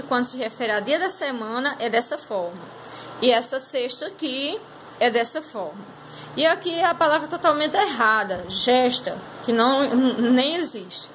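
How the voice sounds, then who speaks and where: A woman's voice: high-pitched, a bit bright, slight background noise, poor audio. A woman teacher going over a class exercise, patiently explaining step by step and drawing out words. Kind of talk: recorded class lesson correcting exercises.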